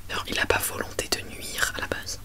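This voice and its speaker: A woman presents books in a hushed ASMR library whisper, chatty and rambling with self-mocking asides. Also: a little fast. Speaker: ASMR video creator.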